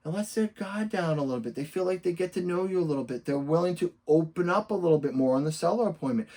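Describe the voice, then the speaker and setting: A man with a Boston accent delivers a sales lesson to camera. His voice sits slightly high, and he talks emphatically, slipping into bright, upbeat sample messages as he teaches. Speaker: real estate coach. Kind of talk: instructional talk to camera.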